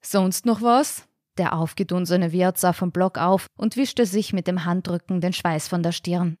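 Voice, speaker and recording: A woman narrating a short story for her podcast in a measured, clear reading. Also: on the low side, steady tone, a little mellow, dry recording, clean studio sound.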